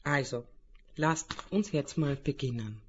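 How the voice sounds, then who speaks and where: A man leading a guided spiritual meditation in a calm, soothing, unhurried way with long pauses. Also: medium pitch, husky, muffled recording.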